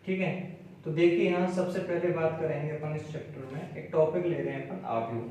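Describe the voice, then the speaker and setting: A man giving a maths lesson, repeating key phrases slowly as he writes on a board. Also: a little high, warm tone, a little hiss or hum. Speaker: maths teacher. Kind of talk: classroom lecture. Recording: very echoey room, mic far off.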